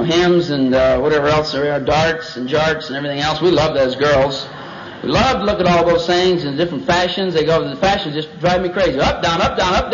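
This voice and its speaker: Male Bible teacher, high voice, folksy, chatty, on a dull lo-fi recording. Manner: chatty, joking asides. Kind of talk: folksy sermon.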